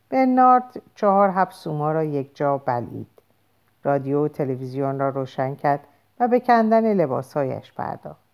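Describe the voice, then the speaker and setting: A woman narrating a novel aloud in a measured, expressive storytelling voice. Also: deep voice. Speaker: audiobook narrator. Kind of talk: scripted narration.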